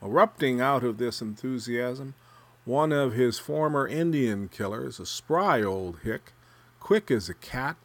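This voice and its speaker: A man's voice: medium pitch, expressive, measured pace, fairly bright tone. Man reading literary prose aloud. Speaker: narrator.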